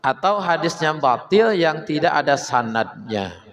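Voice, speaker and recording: A man's voice: a little high, big pitch swings, unhurried, fairly bright tone. A man giving an Islamic text study lecture as a religious teacher, reading Arabic passages and explaining them step by step, often asking questions and answering them himself. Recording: long hall reverb.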